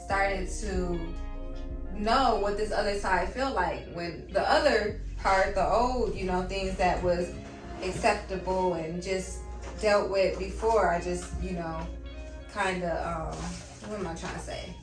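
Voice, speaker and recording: A woman's voice: mid-range voice, measured pace. A woman in a casual, heartfelt chat, talking colloquially and reflectively, letting phrases trail. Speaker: vlog co-host. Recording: echoey room, distant mic, music underneath. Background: background music.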